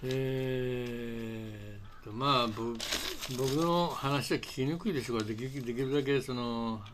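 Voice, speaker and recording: A man, an English conversation teacher talking casually to camera in a rambling, halting way full of fillers and restarts. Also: mid-range voice, a little hiss or hum. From Japan. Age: 60s.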